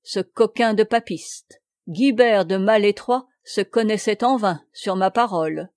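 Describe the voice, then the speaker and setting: A woman voicing a brash, mocking huguenot captain, rough-voiced and boisterous from drink, in a read-aloud story. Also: mid-range voice, measured pace, darkish tone, dry recording, clean studio sound, close to an everyday voice. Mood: drunken bluster.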